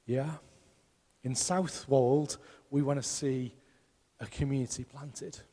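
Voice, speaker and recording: A man's voice: mid-range voice, steady tone, slow pace, mellow, in a large hall. A man preaching a sermon as pastor, emphatic and putting rhetorical questions to his congregation. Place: church hall.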